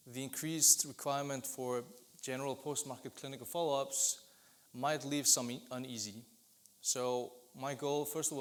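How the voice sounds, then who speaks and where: Guy presenting at an industry conference, mid pitch, steady explaining tone, restarts now and then. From Iceland. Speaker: business development lead presenting at an industry event.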